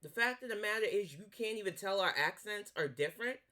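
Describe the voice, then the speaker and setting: A woman's voice: medium pitch, expressive, fairly quick, bright, forceful tone. Heated woman with a New York accent. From Northeast US. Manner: blunt, profane, scolding. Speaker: commentary YouTuber. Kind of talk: heated reaction commentary.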